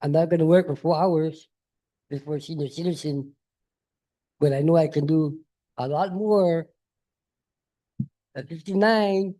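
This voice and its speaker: A man in his late fifties speaks up from the audience, pressing his point and circling back to it again and again. His voice sits fairly high for a man, with a dark, mellow tone. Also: a little slow, long pauses. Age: 50s. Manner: insistent, emphatic, repeats himself. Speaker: audience member asking a question. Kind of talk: public Q&A question.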